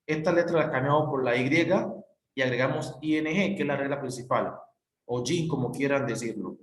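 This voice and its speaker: Male teacher, mid-pitched, patient and repetitive, recorded in a roomy space. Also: brisk, slight background noise. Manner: patient, repetitive, spells out letters. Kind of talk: recorded classroom explanation. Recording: echoey room.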